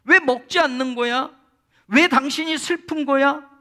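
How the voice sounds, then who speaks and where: A man's voice: very high-pitched, measured pace, bright, forceful tone, voice pushed up, heavily acted. A male preacher voicing a doting husband who keeps asking his wife why she cries, coaxing and insistent. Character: doting, puzzled husband questioning his wife's tears.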